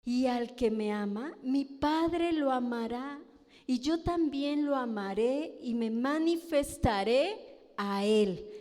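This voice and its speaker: A woman's voice: high voice, animated, slow pace, darkish tone. A woman preaching a sermon in a Mexican Spanish accent, speaking emphatically and often asking the congregation questions, heard in a church hall. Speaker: pastor's wife preaching. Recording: long church-hall reverb.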